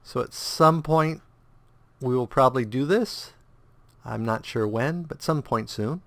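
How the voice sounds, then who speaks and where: A creaky, mid-range male voice, a little slow, belongs to a let's play host whose nose is stuffed and throat slightly sore. He hums idly while navigating menus and casually talks through his play, relaxed and rambling as he thinks aloud.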